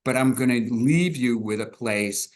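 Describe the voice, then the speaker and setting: A man, a clinician guest on a video call, explaining meditation in an easygoing way with halting restarts. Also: mid-range voice. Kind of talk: casual explanation.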